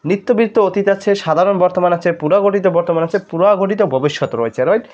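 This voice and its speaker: Speaking fast in a high, somewhat dark voice, this Bangladeshi Bengali tutor walks through admission exam questions and explains every answer. He checks understanding with rhetorical questions, and the recording has its highs cut off.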